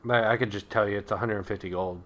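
A man's voice: on the low side, fairly even intonation, rapid-fire, a bit bright. A man running a tabletop game as game master, chatting casually and loosely with lots of fillers.

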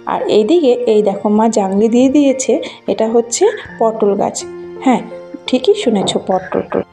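A woman from Bengal narrates a casual walking vlog, gently enthusiastic as she talks straight to her viewers. Her voice sits fairly high but sounds soft and mellow. She films outdoors on a handheld phone, with faint music running underneath. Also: measured pace. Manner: chatty, gently enthusiastic, talks to viewers while showing things. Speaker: village vlogger. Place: outdoors in a rural garden and fields. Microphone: handheld phone camera.

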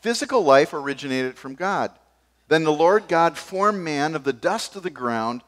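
An older man preaching a sermon from a church pulpit, gesturing as he moves between forceful emphasis and sudden quiet asides. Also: fairly high pitch, expressive, normal speed. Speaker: pastor. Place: church stage behind a wooden pulpit.

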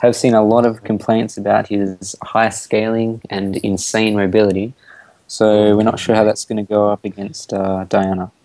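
A teenage boy with an Australian accent, commentating a school esports match in a relaxed, easygoing way. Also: fairly low pitch, normal speed, no room sound, low-quality recording. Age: teens. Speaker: student shoutcaster.

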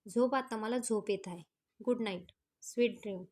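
A feisty young wife from a storybook romance who scolds and teases with a quick tongue, as a woman reader voices her. Her voice sits a bit high. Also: mellow, close to an everyday voice. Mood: scolding. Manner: scolding, teasing.

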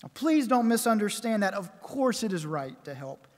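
A man preaching a sermon at a pulpit microphone, measured and emphatic, building his points with repeated phrases. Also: sits high, big pitch swings. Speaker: pastor. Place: church sanctuary. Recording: long church reverb.

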